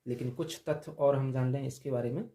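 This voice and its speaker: A man teaching a grammar lesson, drilling letters aloud and repeating them slowly for the class. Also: medium pitch, steady tone, warm tone.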